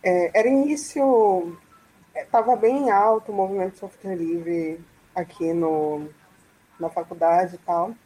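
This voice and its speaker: A woman from Salvador, speaking as a guest on a video call in a halting, thoughtful way with many restarts. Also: on the low side, mellow, slight background noise, poor audio. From Salvador, Brazil. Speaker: guest panelist. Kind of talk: casual live-stream discussion.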